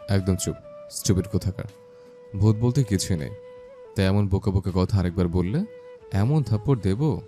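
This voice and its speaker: A bossy, threatening husband. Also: male voice, lowish voice, vocal fry, warm tone. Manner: commanding, scolding, mocking. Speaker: domineering husband. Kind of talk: audio romance drama. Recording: faint background music.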